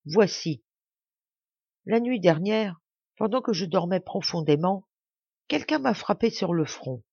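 A woman's voice: mid-range voice, lively intonation, a little slow, gravelly, darkish tone, breathy edge, no echo, full character voice. Sly young prankster boy, pleading, mock-tearful, read by a woman, storybook, dull dry sound.

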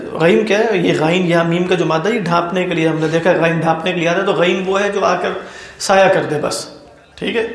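A male Quran teacher giving a classroom lecture, quizzing his students and then answering himself, reciting Arabic slowly and deliberately. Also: high-pitched. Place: lecture room at an academy. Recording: echoey room.

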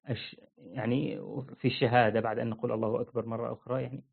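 A man's voice: mid-range voice, level tone, racing, gravelly. A man giving an informal religious lesson, explaining plainly and demonstrating how phrases are chanted. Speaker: religious teacher. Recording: phone-like narrow audio.

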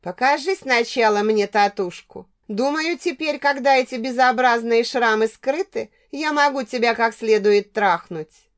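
A woman's voice: fairly high pitch, unhurried, lightly acted. A woman voicing a drunk, aggressive young man who taunts his ex-girlfriend, in an audiobook. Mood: taunting. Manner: taunting, sneering.

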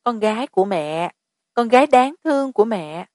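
A woman voicing a grieving mother who wails and sobs in shrill cries. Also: expressive, moderate pace, a little mellow, no room sound, studio quality, lightly acted. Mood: wailing. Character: grieving mother, wailing and accusing.

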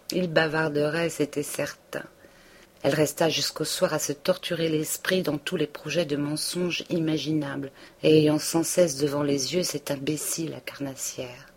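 A woman reading a classic novel aloud as narrator, with measured, steady delivery. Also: low-pitched, breathy edge. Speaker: audiobook reader.

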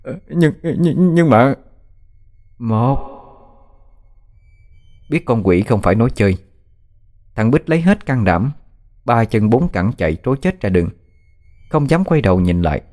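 A man's voice: lowish voice, very animated, normal speed, pauses often, darkish tone. A man narrating a horror story in a dramatic, suspenseful way.

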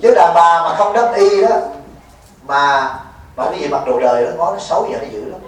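A man's voice: fairly high pitch, animated, normal speed. A man, a Buddhist monk giving a folksy dharma talk at a retreat, teasing and quizzing his listeners. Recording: echoey hall, mic far off, faint noise.

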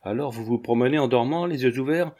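A man reading a jaded young gentleman who speaks with ironic, exaggerated politeness. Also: medium pitch, brisk, natural voice. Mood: mock-gallant.

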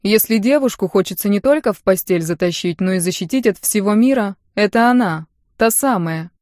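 A woman voicing a stern, cynical man of a dark order who speaks in a cold, formal verdict tone. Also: mid-range voice, animated, fairly quick, no room sound, clean studio sound, close to an everyday voice. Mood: mocking.

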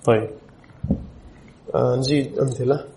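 A man's voice: mid-range voice, fairly even intonation, moderate pace, mellow, a little hiss or hum. A man teaching a classroom lesson on Arabic spelling rules, reading a rule aloud and quizzing his students with frequent short questions. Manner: reads a rule text aloud, then explains. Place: classroom at an Islamic studies center.

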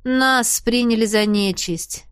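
A woman's voice: fairly high pitch, slow, fairly bright tone, clean tone, no room sound, clean studio sound. Woman doing a snarky cheeky pet creature. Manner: snarky, condescending.

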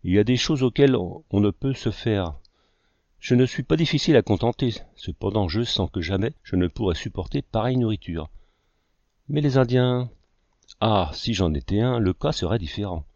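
This is a fussy young artist who loves to argue, as an audiobook narrator puts him on. The low male voice sits dry and close, and the recording has a slightly dull, muffled top. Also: lively intonation, moderate pace, a little mellow, dry recording. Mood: protesting.

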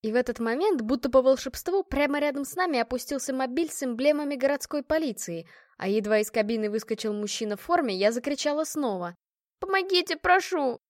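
A woman's voice: sits high, animated, fast, few pauses, darkish tone, no room sound, studio quality. A woman narrating a first-person fantasy audiobook with a tense, emotional reading.

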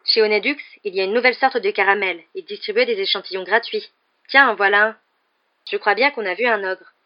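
Audiobook: reader voices an eager teen boy, chatty and higher-pitched, muffled sound. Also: a little fast, close to an everyday voice. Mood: excited.

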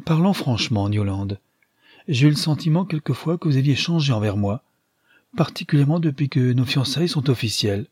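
A man voicing a calm, dignified young society woman in an audiobook, with a soft, earnest, husky voice. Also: mid-range voice, fairly quick, dry recording, clean studio sound, voice pushed up. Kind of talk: audiobook character reading.

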